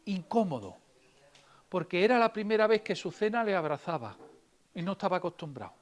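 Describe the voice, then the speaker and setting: Woman telling a story to children. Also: mid-range voice. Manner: lively, asks the children questions. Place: library.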